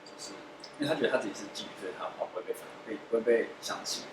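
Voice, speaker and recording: A man chatting casually, speaking haltingly and pausing with "uh" while he searches for words. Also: on the low side, lively intonation. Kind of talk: casual chat. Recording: roomy, distant mic with noise.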